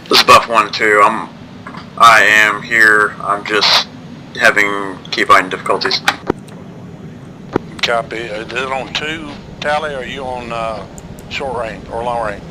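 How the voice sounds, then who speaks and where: Brief: lower-voiced male gamer on radio comms, static bursts, noisy distant line. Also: a little slow. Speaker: gamer calling over in-game radio. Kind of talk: military radio procedure in a game.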